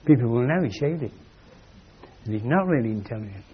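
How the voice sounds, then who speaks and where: A man with a mid-range voice gives a philosophical lecture, animated and brisk. He is wry and emphatic, acting out the voices he quotes, and the recording is dull and lo-fi.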